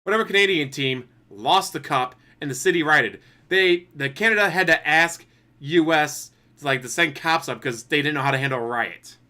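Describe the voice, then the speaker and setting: A man's voice: a little high, moderate pace, pushed and bright. A man reacting live to another streamer, making sarcastic, mocking comments.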